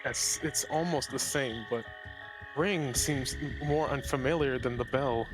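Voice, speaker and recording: Mid-pitched man in tabletop game chat. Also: a little slow, poor audio. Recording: music playing behind the voice.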